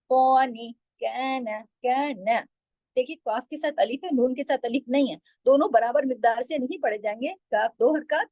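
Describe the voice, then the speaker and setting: A woman teaching tajweed, explaining patiently and drawing out syllables slowly when she demonstrates. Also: on the high side, warm tone, no room sound, rough recording. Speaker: Quran recitation teacher.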